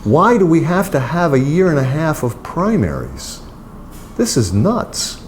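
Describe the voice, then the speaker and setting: A man's voice: mid-range voice, a little hiss or hum. A man arguing his views emphatically while leading a casual dinner discussion. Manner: emphatic, animated opinionated talk. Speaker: executive director of a humanist society. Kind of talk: casual chat at a dinner meeting. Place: dinner gathering indoors.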